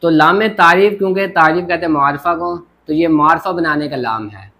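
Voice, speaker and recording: Guy teaching grammar at a whiteboard, kinda high voice, keeps saying ok got it. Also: normal speed, gravelly, sharp tone. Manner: explains step by step, repeats "theek ho gaya". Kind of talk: classroom lecture at a board.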